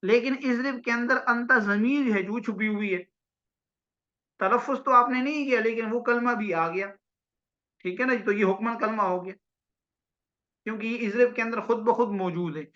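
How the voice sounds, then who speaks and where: A man's voice: sits high, long pauses, sharp tone. Man teaching grammar, asking questions often. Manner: explains step by step, asks and answers his own questions; checks with "ٹھیک ہے نا جی؟" often. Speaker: religious studies teacher. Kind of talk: classroom grammar lecture. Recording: dull lo-fi audio.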